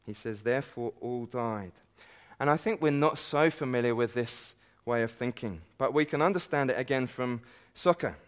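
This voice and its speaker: A man's voice: medium pitch, normal speed. Brief: male preacher, mid-range voice, earnest sermon delivery, emphatic build-ups, dry self-deprecating humour. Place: conference meeting hall.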